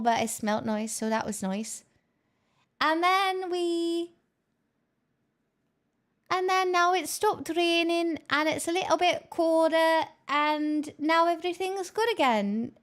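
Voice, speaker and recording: A chatty Irish woman rambles through the day's weather, swearing at every turn in a deadpan tone, as a streamer puts her on. Her voice sits fairly high. The whole thing drifts along without much fuss. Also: slow. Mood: rambling. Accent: put-on Irish. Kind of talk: live stream banter.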